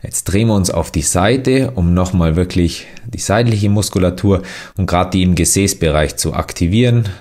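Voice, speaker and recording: A young man with a very low voice talks through a series of stretches and exercises. His instruction is loose and unscripted, full of fillers and restarted phrases. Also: moderate pace. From Germany. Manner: relaxed, many fillers and restarts. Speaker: athlete demonstrating exercises.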